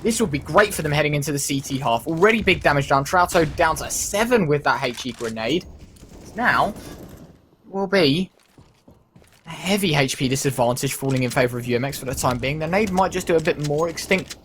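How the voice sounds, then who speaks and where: A man doing esports caster play-by-play commentary with dramatic, emphatic phrasing. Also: on the high side. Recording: background noise, game gunfire and clicks.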